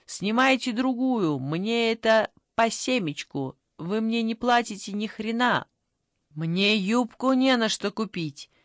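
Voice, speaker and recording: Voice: medium pitch, expressive, takes it slowly, a bit bright, dry recording, studio quality, voice pushed up. Narrator doing coarse ranting old mother. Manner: rough, scornful ranting. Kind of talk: audiobook character voice.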